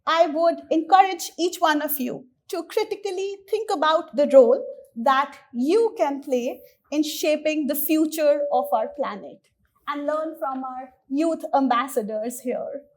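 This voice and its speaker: Lady moderator, high voice, talks slow and formal w a few ums. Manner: measured, formal, with fillers. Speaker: panel moderator. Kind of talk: moderating a panel discussion.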